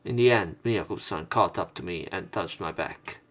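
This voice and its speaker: Deep-voiced and speaking at a moderate pace, this man reads through a visual novel for a let's play, with faint music in the background. Between lines of narration and dialogue he drops offhand remarks, some of them sweary.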